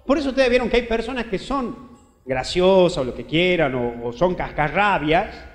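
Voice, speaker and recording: Paraguayan priest preaching, high voice, chatty and animated, echoey hall. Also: male voice, moderate pace. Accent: Paraguayan Spanish. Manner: animated, acts out quoted dialogue; colloquial, addresses listener directly. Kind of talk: homily reflection. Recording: roomy hall reverb, faint music.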